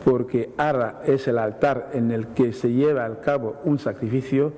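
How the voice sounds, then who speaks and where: A man whose voice is mid-range, steady and warm answers viewers' language questions on TV, going through definitions and then examples at an unhurried pace, repeating himself often. Faint hiss and studio reverb surround him.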